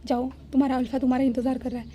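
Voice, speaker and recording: A woman's voice: sits high, little pitch movement, racing, mellow, lightly acted. A woman voicing a commanding middle-aged father in a retold fanfiction story, giving urgent orders.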